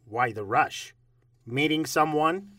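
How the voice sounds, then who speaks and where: A man playing a very short, cheeky, excitable space traveler in an audio drama, with animated, teasing delivery. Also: a little high, slow, no room sound, studio quality, distant mic.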